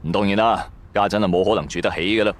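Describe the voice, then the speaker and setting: In an audio drama with background music, a man with a Cantonese accent tells a scripted first-person story. His voice is lowish and he talks fast, narrating in a colloquial, dramatic style.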